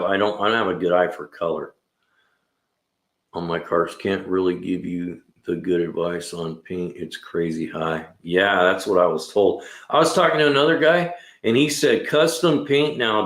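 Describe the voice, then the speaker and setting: This sixties-aged mechanic runs a relaxed livestream from a garage, his voice on the low side and a touch bright. His talk wanders easily, sprinkled with "man" and "you know," all captured in an echoey space.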